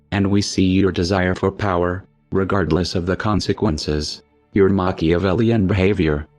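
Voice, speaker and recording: Guy with a disguised super deep voice, cold and menacing, reading a scripted warning, faint music under it. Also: darkish tone. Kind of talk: scripted threatening statement.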